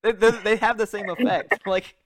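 A young man on a podcast, excitable and laughing, acting out mock-dramatic lines while discussing a film. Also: sits high, normal speed.

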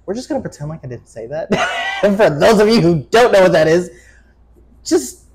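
A high-pitched male voice at normal speed belongs to a podcast host in his twenties. He chats casually, joking, cursing freely, and breaking into his own sentences with animated energy.

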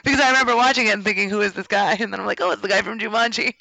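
A woman's voice: mid-range voice, very fast, vocal fry, sharp tone, poor audio. Wry young woman co-host. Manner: wry, teasing, laughs often. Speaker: podcast co-host. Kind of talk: casual chat.

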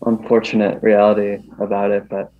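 A man's voice: fairly low pitch, completely flat delivery, a little fast. A man speaking as an interview guest in casual talk, hesitant, with many ums and restarts. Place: New York. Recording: dull lo-fi recording.

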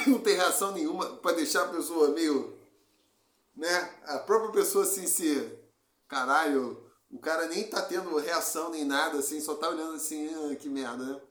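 A man's voice: on the high side, fairly bright tone. Blunt, profane man in an echoey room. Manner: blunt and profane, many restarts. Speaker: podcast co-host. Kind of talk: casual chat.

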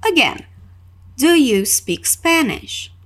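Drawing out her words in a high-sitting, very animated voice, a woman with a Brazilian accent hosts a podcast language lesson. The lesson is scripted with repeat-after-me drills, and she enunciates example phrases carefully for repetition.

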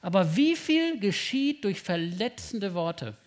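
A man preaching a lively sermon, putting direct questions to his listeners and acting out short quoted exchanges. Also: sits high, slow pace. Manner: frequent tag questions, acts out little quoted exchanges. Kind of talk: lively sermon to young people.

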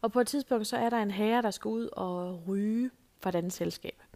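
A middle-aged woman tells a story in a relaxed, chatty way, pausing often on small fillers. Her voice sits at an ordinary middle pitch. She sounds like a talk show host talking straight to her listeners. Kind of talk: casual storytelling monologue.

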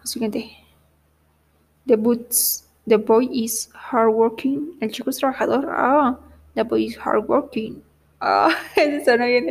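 Slow, halting young woman. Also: a little high, gravelly, a little mellow. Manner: slow, halting, trying out German and English words aloud. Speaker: vlogger. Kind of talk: casual self-talk while studying languages.

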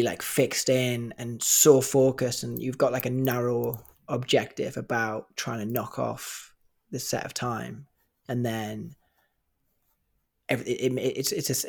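A man's voice: medium pitch, creaky, darkish tone, slightly rough. A man hosting a podcast, asking long rambling questions full of fillers and restarts. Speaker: podcast host. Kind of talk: casual interview questioning.

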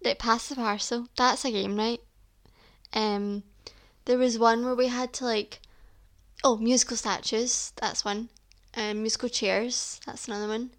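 A woman's voice: a little high, steady tone, a little slow, fairly bright tone. A Scottish woman in her twenties hosting a solo podcast, chatting casually in a rambling way with lots of "like" and "um". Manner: chatty, rambling, heavy use of "like" and "um". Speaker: podcast host.

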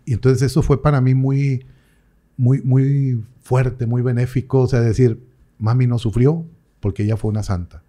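A man's voice: mid-range voice, flat delivery, moderate pace, dark tone. A priest telling a personal story in an interview, with strong feeling and his voice sometimes rising. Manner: talks with feeling, voice rising and breaking at moments, quoting others.

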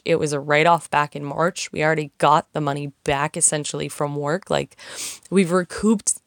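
A young woman whose first language is English vents in a casual monologue, speaking frankly, rambling, and swearing. Her voice sits low, and the studio-quality recording has no echo.

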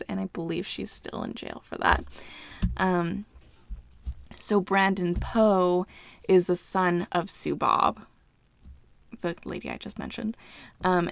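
Gravelly-voiced woman podcaster. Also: medium pitch, no room sound. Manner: chatty, filler-heavy, laughs often. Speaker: podcast co-host. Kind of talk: casual true-crime chat.

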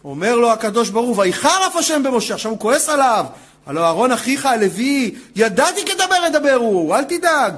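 A man, a rabbi giving an animated Torah lesson, dramatically acting out dialogue and firing rhetorical questions. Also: very high voice, slightly rough.

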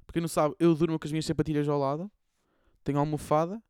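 Fast-talking young Portuguese man, slangy. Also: fairly high pitch, level tone, a little mellow, smooth, dry recording, studio quality. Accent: European Portuguese. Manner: slangy and swearing, laughs easily. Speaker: podcast co-host. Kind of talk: casual chat.

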